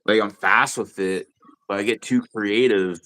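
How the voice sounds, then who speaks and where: A man with a low-pitched voice chats loosely on a live stream. His talk is rambling and profane, full of filler phrases. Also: fairly even intonation, a little slow, bright, forceful tone. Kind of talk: casual chat on a live stream.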